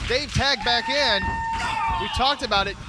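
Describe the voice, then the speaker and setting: A man doing excited live wrestling play-by-play as a commentator, often breaking into exclamations and shouts. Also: very high voice, unhurried, very noisy. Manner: exclamatory, shouting at the big moves.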